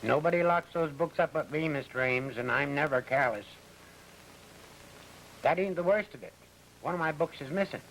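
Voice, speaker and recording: Indignant, higher-voiced fussy bookkeeper. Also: male voice, normal speed, long pauses, fairly bright tone, slight background noise, poor audio. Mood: grumbling, suspicious. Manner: folksy ungrammatical, grumbling. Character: indignant, fussy store bookkeeper, blunt and suspicious. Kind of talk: 1950s TV drama character acting.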